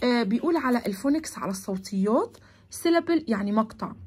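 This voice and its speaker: A woman with an Egyptian Arabic accent, teaching a primary school English lesson and stretching out the English words slowly between her Arabic explanations. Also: fairly high pitch, expressive, a little mellow, breathy edge.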